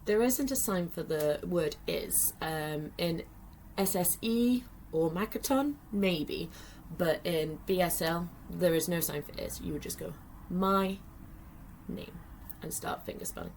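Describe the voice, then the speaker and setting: A woman with a notably low-pitched voice talks learners through a lesson, patient and step by step, with small fillers. A faint hum of room ambience sits behind her. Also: a little slow, few pauses, darkish tone. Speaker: sign language teacher. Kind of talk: friendly tutorial lesson.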